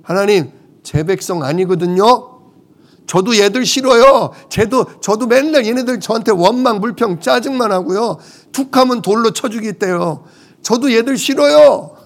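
An exasperated Moses pleads and complains, put on by a male preacher. The voice sits high and climbs as he argues his case. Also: normal speed, natural voice. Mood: pleading. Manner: complaining, arguing with rising pitch.

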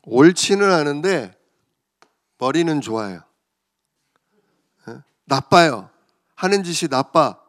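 Korean pastor preaching with lively storytelling. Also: male voice, fairly high pitch, takes it slowly, pauses often. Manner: lively storytelling, asks the congregation questions. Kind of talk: sermon.

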